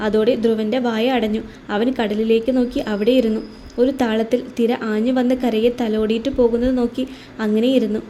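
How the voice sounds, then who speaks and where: A woman reading a romantic story aloud with steady, expressive narration. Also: on the high side, a little fast, slight background noise.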